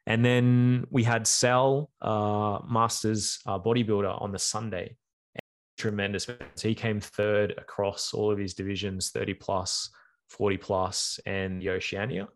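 A man's voice: fairly low pitch, little pitch movement, unhurried. A young man, co-hosting a podcast and telling a long, rambling story full of fillers. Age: young adult. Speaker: podcast co-host. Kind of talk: casual podcast chat.

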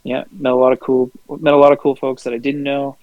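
A man co-hosting a podcast, telling a rambling, laid-back story in casual chat, swearing freely and filling pauses with ums and uhs. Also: medium pitch, little pitch movement, dry recording, highs cut off. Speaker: podcast co-host.

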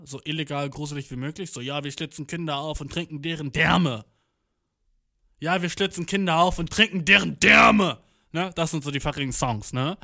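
A man's voice: on the high side, a bit bright, dry recording, studio quality. A young man telling a rambling comic story in a slangy, swearing manner, dropping English phrases and acting out quotes. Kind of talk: rambling comedic monologue.

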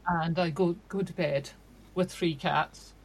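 An older woman answering as a guest in a casual interview, speaking in a measured, articulate way. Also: lowish voice, steady tone, a little hiss or hum, low-quality recording.

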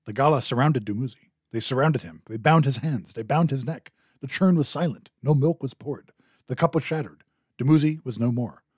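A man's voice: medium pitch, moderate pace, breathy edge, no echo. A man hosting a history podcast, explaining and retelling a myth with dry humor. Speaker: podcast host.

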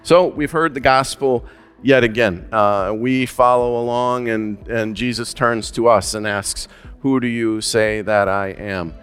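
A man preaching a sermon as pastor, measured and deliberate, with slow emphatic phrases. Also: medium pitch, fairly even intonation, a bit bright, clear, resonant tone, long reverb tail, soft background music.

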